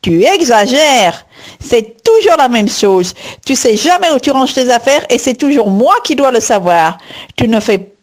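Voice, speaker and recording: A woman playing an irritable wife in a textbook dialogue, quick to take offense and pitched up into a sharp, indignant register. Her voice swings widely as she protests. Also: lively intonation. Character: irritable wife quarrelling with husband. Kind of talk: read-aloud textbook dialogue.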